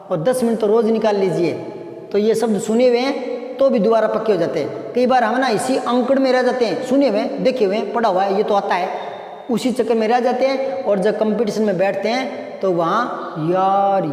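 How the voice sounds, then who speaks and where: A male teacher walks viewers through an exam-prep grammar lesson in a high voice. He repeats words slowly and stresses each one. The sound is roomy, with a long reverb tail. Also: darkish tone. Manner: directly addresses viewers, coaxing. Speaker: Hindi teacher. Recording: echoey room with long reverb.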